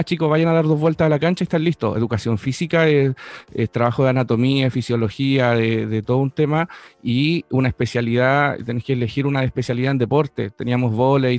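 A man from Chile who grew up in Buenos Aires, with an Argentine Spanish accent, telling stories as a guest in a relaxed way, often repeating his words. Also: medium pitch, no echo. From Chile, raised in Buenos Aires. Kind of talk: casual interview chat.

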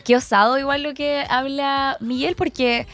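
A woman's voice: high-pitched, fairly even intonation, moderate pace, fairly bright tone, soft background music. A young woman in her twenties hosting a radio interview, cheerful and curious. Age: 20s. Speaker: radio host.

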